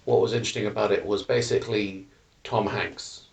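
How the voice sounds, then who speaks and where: A man's voice: lowish voice, steady tone, a little fast, gravelly, a little mellow, far from the mic. A man co-hosting a casual podcast, opinionated and laughing often as he chats. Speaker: podcast co-host. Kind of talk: casual chat.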